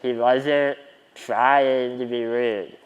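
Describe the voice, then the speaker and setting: A man's voice: medium pitch, steady tone, extremely slow, smooth, long reverb tail, highs cut off. Wry young man giving a keynote. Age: 20s. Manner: wry, self-deprecating humor. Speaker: keynote speaker. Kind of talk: conference keynote storytelling. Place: conference stage.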